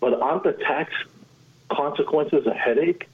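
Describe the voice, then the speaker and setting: A man's voice: fairly high pitch, a little slow, slightly rough. A man calling in to a radio show on a speakerphone, asking eager questions. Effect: speakerphone over a phone line. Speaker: caller. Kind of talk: call-in question. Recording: tinny phone line.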